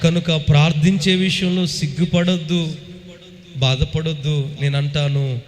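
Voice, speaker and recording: Slow, emphatic preaching man in a reverberant hall. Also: fairly high pitch, flat delivery, slight background noise. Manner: emphatic preaching with call-and-response. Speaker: pastor. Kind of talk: sermon.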